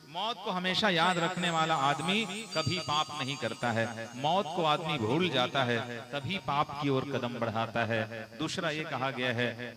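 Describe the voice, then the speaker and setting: A man with a Chhattisgarhi Hindi accent preaching a devotional sermon at a live village gathering, earnest and emphatic, throwing rhetorical questions to his listeners. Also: mid-range voice. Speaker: Bhagavat katha preacher.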